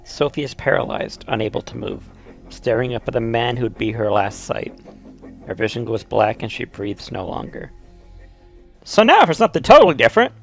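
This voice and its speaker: Very animated at a normal speed, this medium-pitched, creaky male voice narrates a games video essay over faint music. The YouTuber and video game explainer offers semi-scripted retelling and commentary, weaving storytelling with casual, conversational asides.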